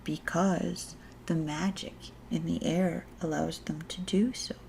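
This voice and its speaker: A woman voicing a giant female phoenix in a children's storybook, gentle, wise and welcoming, speaking low, breathy and slow. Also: fairly even intonation, a little hiss or hum, poor audio. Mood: kindly, explaining.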